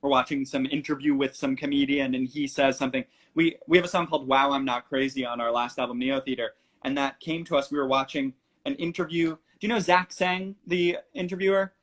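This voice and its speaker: A young man, a musician guest in a casual livestream interview, talking animatedly and acting out quotes as he goes. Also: mid-range voice. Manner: animated, talks fast with restarts and acted-out quotes.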